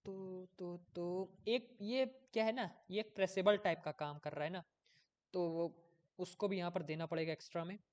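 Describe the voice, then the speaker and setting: A man's voice: high-pitched, fairly even intonation, moderate pace, a little mellow, muffled recording. A man giving a casual coding tutorial, thinking aloud as he works, often losing his place and checking in with viewers.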